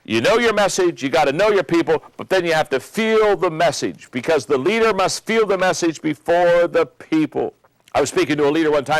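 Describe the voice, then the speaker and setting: An older man giving a motivational leadership lesson, emphatic and repeating key phrases, slowing down for effect. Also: fairly high pitch, dry recording. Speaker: leadership teacher. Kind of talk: motivational teaching talk.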